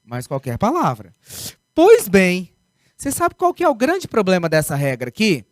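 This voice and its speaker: A man with a Brazilian Portuguese accent teaches grammar in a recorded video lesson, his high voice swinging hugely in pitch at normal speed. He's emphatic, repeating key words and posing rhetorical questions, captured in clean studio sound without echo.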